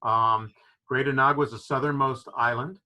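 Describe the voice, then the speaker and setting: Speaking at a moderate pace in a steady, sharp, mid-range voice, this guest is a fishing lodge owner from Florida. He explains with enthusiasm and keeps saying "you know," heard through a video call microphone on a rough recording.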